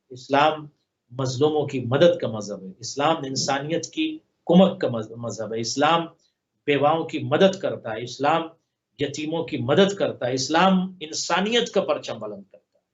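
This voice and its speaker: A male religious scholar on a live program, slowly reciting Arabic lines and then explaining them in long rhetorical lists of parallel phrases. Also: medium pitch, muffled recording. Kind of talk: sermon commentary on a live TV program.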